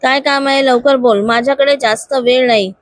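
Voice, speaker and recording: A woman's voice: high voice, fairly even intonation, moderate pace, no echo, lightly acted. A woman voicing a short-tempered male boss who snaps and speaks curtly. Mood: irritated. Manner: curt, irritated.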